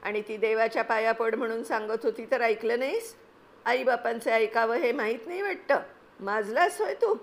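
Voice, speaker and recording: A woman's voice: medium pitch, moderate pace, close to an everyday voice. A woman reading aloud, voicing a village father who speaks sharply and demandingly to his son. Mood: angry. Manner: sharp, demanding, rising loud. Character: angry, then gentle village father.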